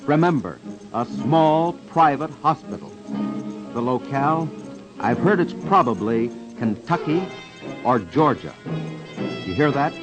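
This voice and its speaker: Very animated yet a little slow, with long pauses, an American man at a medium pitch hosts a vintage crime program on radio. As host and investigator, he makes dramatic, urgent, emphatic appeals to listeners. The audio sounds like dull vintage radio with music underneath.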